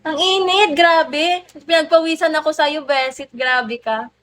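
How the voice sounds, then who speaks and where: A young woman hosting a casual livestream, teasing a viewer and squealing with excitement as she thanks people for gifts. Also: high-pitched, unhurried, slight background noise. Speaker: livestream host.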